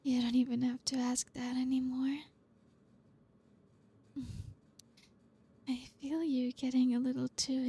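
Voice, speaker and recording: A woman in a whispered intimate audio roleplay, speaking as a girlfriend in a soft whisper broken by frequent giggles. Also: high voice, slightly rough.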